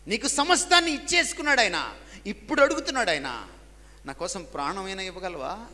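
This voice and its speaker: Man preaching, kinda high voice that jumps all over, drops english lines in, long echo like a big hall. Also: expressive, brisk. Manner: dramatic swings between loud emphatic peaks and low quiet drops. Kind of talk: sermon.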